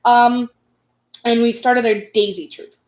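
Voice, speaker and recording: A woman's voice: a little high, steady tone, slow. A young adult woman with an American accent telling personal stories casually, in a rambling, self-deprecating, giggly way. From United States. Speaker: vlogger. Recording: echoey room.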